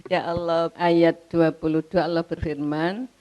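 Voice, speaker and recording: An older woman with a Javanese accent giving a religious lecture, answering a question in an animated way and reciting verses slowly. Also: on the low side. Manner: animated, mixes in local dialect, laughs, recites verses slowly. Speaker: preacher.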